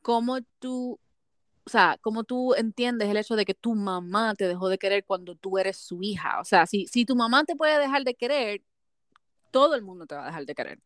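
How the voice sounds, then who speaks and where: A woman's voice: medium pitch, normal speed, no room sound, clean studio sound. Chatty code-switching woman. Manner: animated, mixes English phrases into Spanish. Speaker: podcast co-host. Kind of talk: casual chat about a reality dating show.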